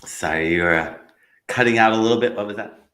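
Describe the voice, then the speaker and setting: A man's voice: lowish voice, quick pace, a bit bright. A man being interviewed over a live stream, speaking plainly and apologizing while his audio keeps cutting in and out. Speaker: guest expert on websites. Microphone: video call.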